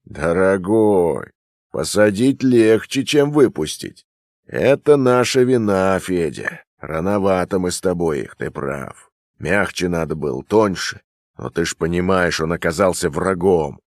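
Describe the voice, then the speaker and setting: A man's voice: sits low, expressive, measured pace, a little mellow, no echo, clean studio sound, pitched below the performer's own voice. A man reading a Russian novel aloud, voicing an older male academician who is sly, suspicious and folksily fatherly. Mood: rueful. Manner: folksy, calls the listener son.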